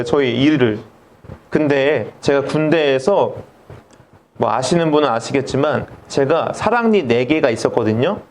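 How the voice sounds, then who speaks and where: A man's voice: a little high, a little mellow. A middle-aged male pastor telling a comic story in a sermon and acting out the dialogue.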